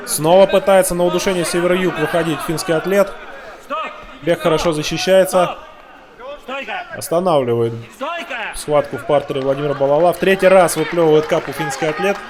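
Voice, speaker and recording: A man giving live sports commentary on a fight as its commentator. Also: sits high. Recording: loud crowd, music behind voice. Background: crowd and music.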